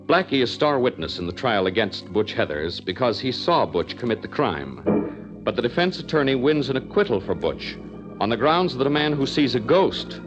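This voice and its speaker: A man's voice: medium pitch, normal speed. A man announcing and recapping the story in the style of a 1940s radio show. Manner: even recap of the plot. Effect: old radio show broadcast. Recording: dull old radio broadcast with music behind.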